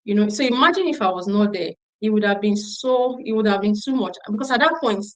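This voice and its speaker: A woman's voice: mid-range voice, animated, brisk, poor audio. A middle-aged woman speaking at a parenting conference, telling a story emphatically and repeating phrases for stress. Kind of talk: storytelling talk to an audience.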